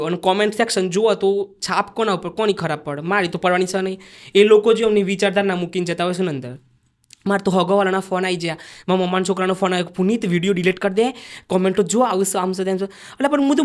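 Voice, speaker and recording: Fast-talking young man with a rural Gujarati dialect. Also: sits high. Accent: Sabarkantha Gujarati dialect. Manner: chatty, acts out quoted lines of himself and others. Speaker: guest, vlogger and dancer. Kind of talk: podcast interview storytelling.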